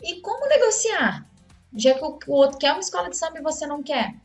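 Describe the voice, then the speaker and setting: A woman's voice: high voice, big pitch swings, fast, faint music behind. A Brazilian woman teaching a course on communication in relationships, talking conversationally and acting out example dialogues. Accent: Brazilian Portuguese. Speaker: course instructor. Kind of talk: motivational talk on communication.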